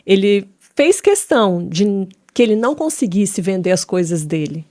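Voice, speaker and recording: A woman's voice: mid-range voice, sing-song, moderate pace, dark tone, no echo. Woman host summing up the guest's story, dry close sound. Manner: reflective, sums up the guest's story. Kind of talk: conversational commentary.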